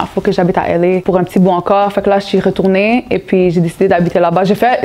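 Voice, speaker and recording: A young Québécois woman in her twenties talks quickly and easily, dropping English slang into her French. Her voice is dark and mellow, and she sounds relaxed as she tells her story to an interviewer in a small studio. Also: medium pitch. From Montreal. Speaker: R&B singer interviewed about her career. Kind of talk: casual talking-head interview. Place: small studio in front of an orange backdrop.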